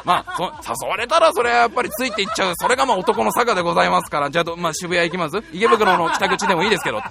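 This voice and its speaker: High, animated man telling a comic story. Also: racing, gravelly, a crowd in the background. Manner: animated, laughing while telling a story, acting out voices. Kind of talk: comic anecdote, casual chat.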